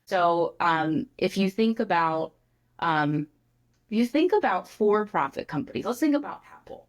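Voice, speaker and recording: Animated woman guest with a lower voice. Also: unhurried. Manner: animated, lots of "like" fillers. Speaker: podcast guest. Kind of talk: conversational interview.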